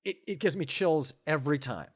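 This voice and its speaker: A man's voice: fairly high pitch, fairly quick, no echo, studio quality. A man in his forties, a podcast guest, talking with enthusiasm and many stammering restarts in casual conversation.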